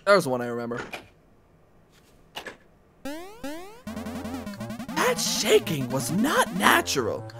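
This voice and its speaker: A man voicing an excitable elderly professor scientist in a high, wavering falsetto, with theatrical exclamations, over game music. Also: very slow, long pauses, heavily acted. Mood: earnest. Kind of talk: let's play voice acting.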